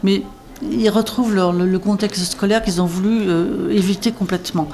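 Speaking at a moderate pace with a steady, somewhat dark medium-pitched voice, a literacy class coordinator responds to interview questions. She rambles, restarting often and leaning on fillers and tag words such as an emphatic "hein".

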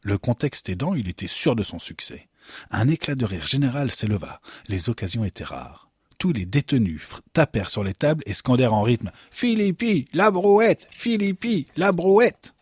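Husky, low-voiced man reading a story. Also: very animated, fairly quick, darkish tone, dry recording, studio quality. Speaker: story reader. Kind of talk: reading a short story aloud.

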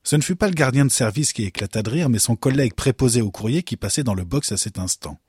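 A man reading a short story aloud in steady, measured narration. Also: mid-range voice, husky, no echo, clean studio sound. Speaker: story reader.

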